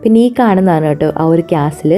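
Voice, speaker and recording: A woman with a Malayali accent narrates a casual travel vlog, slipping English words into her Malayalam. Her voice is low and mellow, a little fast, with music playing underneath.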